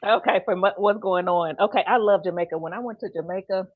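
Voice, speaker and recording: A woman's voice: mid-range voice, quick pace, dry recording, narrow, tinny audio. A woman in her fifties hosting a casual livestream while styling her hair, chatting, laughing easily and reading out viewer comments. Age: 50s. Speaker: host.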